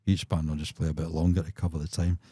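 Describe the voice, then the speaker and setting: A Glaswegian musician in his sixties, guesting on a podcast, spins road stories, chuckling and acting out quotes as he goes. His Scottish voice is rumbling low, warm and slightly rough, with a flat, quick delivery. The studio sound is clean with no room echo.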